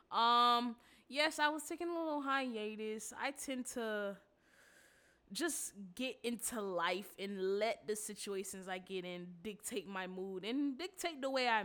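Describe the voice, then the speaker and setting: A woman's voice: medium pitch, a bit bright, clear, resonant tone. A woman in her twenties hosting a solo podcast, talking candidly in slangy casual chat, congested from a cold. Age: 20s. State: congested, under the weather. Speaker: podcast host.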